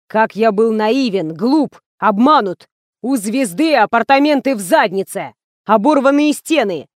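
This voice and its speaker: Woman reading a contemptuous rich man, loud, slow and scolding. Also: a little high, dry recording, studio quality, close to an everyday voice. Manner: loud, slow, scornful ranting.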